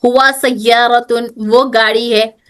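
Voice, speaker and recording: A woman's voice: on the high side, little pitch movement, slow pace. A woman teaching an online grammar class, repeating terms and often checking that students follow, mixing in English phrases. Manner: mixes Hindi with English phrases. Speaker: Arabic teacher.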